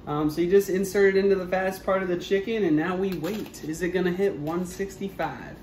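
A man's voice: high voice, fairly even intonation, a little fast, a little mellow, a little hiss or hum. Chatty upbeat young man vlogging at home. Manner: upbeat, chatty, talks straight to viewers. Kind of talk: casual chat to camera. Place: home, indoors, living room and kitchen.

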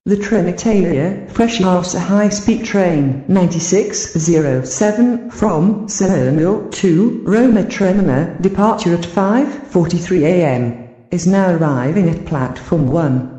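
Woman, train station announcement, mellow voice, calm, echoey. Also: on the low side, takes it slowly. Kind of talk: formal scripted announcement.

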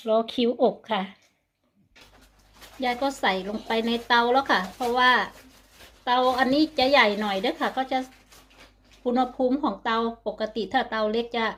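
Older lady, higher voice, chatting thru a cooking vlog w/ faint pan clatter. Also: fairly bright tone, slight background noise. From Thailand. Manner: chatty, talks straight to viewers as friends. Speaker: vlogger. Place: home kitchen.

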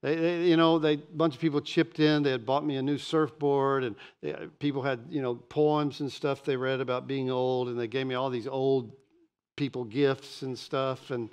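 A man in his sixties preaching a sermon from a church pulpit, animated and often repeating words as he starts a sentence. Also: medium pitch, moderate pace, clear, resonant tone. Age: 60s. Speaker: pastor. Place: church stage behind a pulpit.

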